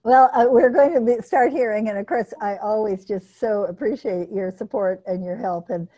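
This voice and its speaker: A woman hosts an online group session over a video call, telling a personal mishap between items. She talks chattily, restarting and repeating words. Her tone is dark and mellow. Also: medium pitch, normal speed, poor audio. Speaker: workshop host. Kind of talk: hosting an online workshop.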